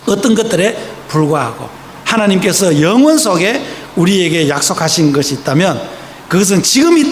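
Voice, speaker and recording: A high-pitched man preaches with fervor in a church sanctuary, his voice carried by a long, echoing reverb. Faint room ambience hums underneath as he tells stories, easing into softer, slower tones for quoted lines. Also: a little hiss or hum. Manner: impassioned storytelling, slows and softens for quoted voices. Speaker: pastor. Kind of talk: sermon.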